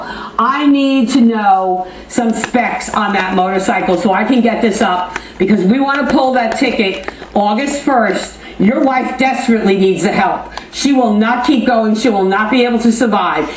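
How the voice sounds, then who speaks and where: An activist fundraiser and video host, a woman with a loud mid-range voice, improvises an emphatic, indignant, folksy plea to her viewers. A small video camera in a motel room captures echoey homemade audio with a slight hiss or hum and background music.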